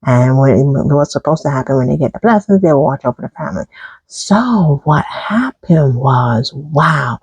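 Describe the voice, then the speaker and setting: Gravelly, chatty chaplain retelling Bible stories. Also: mid-range voice, animated, normal speed, a little mellow, no echo, poor audio. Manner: chatty, digressive, with chuckles and asides. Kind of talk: casual Bible storytelling.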